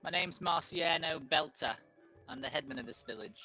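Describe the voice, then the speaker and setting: A man voicing a weary old village headman who talks gruffly and plainly, swearing under his breath. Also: on the high side, normal speed, pushed and bright, faint music behind, voice pushed up, poor audio.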